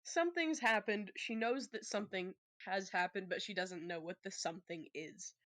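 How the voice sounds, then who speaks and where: At a normal speed and medium pitch, a woman chats casually at a tabletop role-playing game, where she's a player. Her fairly bright voice carries a teasing, playful edge and quick laughter, with no room sound in the recording.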